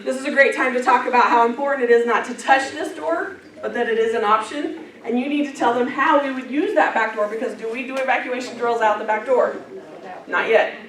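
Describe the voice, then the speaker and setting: A woman's voice: fairly high pitch, fairly bright tone. A woman trainer talking to bus drivers at a staff safety meeting, chatty and plain-spoken, often laughing. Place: meeting room. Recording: echoey room, mic at a distance, group audible. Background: audience of drivers.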